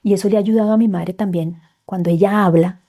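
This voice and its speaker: A woman telling a personal story as a podcast guest, heartfelt and often dropping to soft near-whispers. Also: mid-range voice, steady tone, fast.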